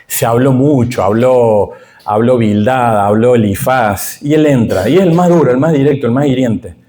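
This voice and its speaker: A man's voice: medium pitch, moderate pace, dark tone. A middle-aged man with a Rioplatense accent teaching a Bible class. He speaks with emphasis and keeps checking in with his listeners through rhetorical questions. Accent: Rioplatense Spanish.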